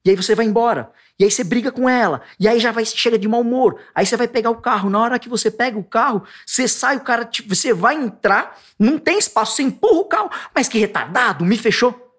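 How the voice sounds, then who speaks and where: A Brazilian Portuguese-accented man, appearing as a guest, explains stress and anxiety, acting out angry outbursts in sharp bursts before dropping to a soft, low tone for the calm points. He talks fast with hardly any pauses.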